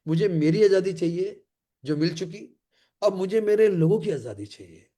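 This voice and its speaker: A male leadership trainer speaks in a fairly high voice, pressing each point with emphasis and repetition. He slows right down to lean on short English catchphrases. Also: animated, dark tone. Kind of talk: motivational training talk.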